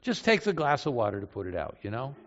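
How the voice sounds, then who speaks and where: An older man preaching a sermon, telling a story with loud emphatic lines and hushed low ones. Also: sing-song, fast talker. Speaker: pastor. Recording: dull sound in a reverberant hall.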